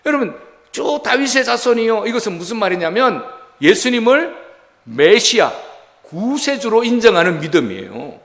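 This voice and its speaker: High, lively-voiced male pastor preaching. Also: moderate pace. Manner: animated, acts out quotes, asks congregation rhetorical questions. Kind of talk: Sunday sermon. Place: church sanctuary. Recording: long church hall reverb.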